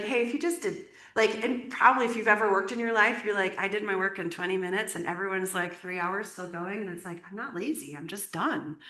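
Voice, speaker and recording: In an echoey room, a woman teaches a small workshop group in a loose, chatty style, laughing often and filling her speech with fillers. Her voice is medium-pitched with a fairly bright tone.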